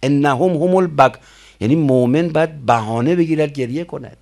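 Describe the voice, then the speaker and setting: A man preaching a sermon, telling stories in colloquial speech and slowly chanting prayer lines. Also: a little high, vocal fry, darkish tone.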